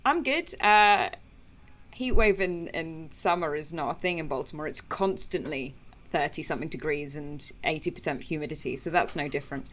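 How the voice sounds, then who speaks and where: A woman's voice: sits low, moderate pace, a bit bright. A woman with a British accent hosting a casual science podcast conversation. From Britain. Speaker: podcast host, exoplanet researcher.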